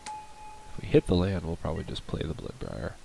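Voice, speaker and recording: A man's voice: very deep voice, big pitch swings, moderate pace, gravelly, mellow, a little hiss or hum, poor audio. A man with a nasal voice from a cold, casually commentating his card game and thinking aloud with many hesitations.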